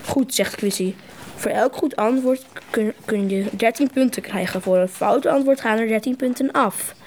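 Little girl reading a story, kinda high, slow, bit of noise behind. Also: a little mellow. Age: child. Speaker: podcast co-host.

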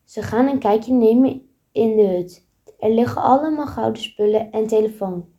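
A woman's voice: on the high side, normal speed, mellow, lo-fi sound. A woman reading aloud a simple story with careful, plain delivery.

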